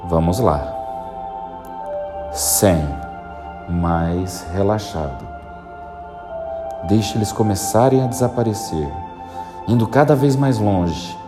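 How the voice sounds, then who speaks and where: A man guiding a listener through a hypnosis induction with slow, soothing, repetitive instructions. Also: fairly low pitch, lively intonation, over music.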